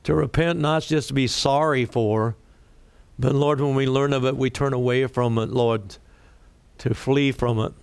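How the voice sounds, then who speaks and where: The pastor's raspy voice sits in the mid range, darkish and fairly even in intonation, as he preaches and leads a prayer. He speaks deliberately and rises for emphasis, and the recording has no echo.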